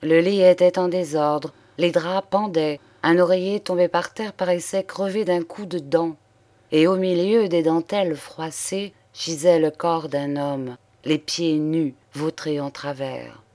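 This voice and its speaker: A woman reading a literary story aloud in a measured way. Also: deep voice, fairly even intonation, warm tone. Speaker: audiobook reader. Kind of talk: literary narration.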